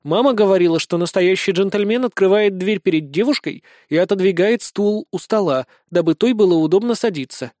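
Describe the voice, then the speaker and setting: A man's voice: sits high, fairly quick, hardly any pauses, darkish tone, no room sound, studio quality, close to an everyday voice. A man voicing a naive young man who speaks in a plain, matter-of-fact, innocent way in an audiobook. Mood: earnest. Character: naive young man, earnest and literal-minded.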